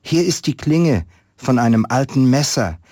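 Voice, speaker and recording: A man's voice: medium pitch, lively intonation, measured pace, a little mellow, dry recording, studio quality, pitched above the performer's own voice. A man voicing a timid, stammering ragged little boy in a read-aloud Christmas story. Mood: scared.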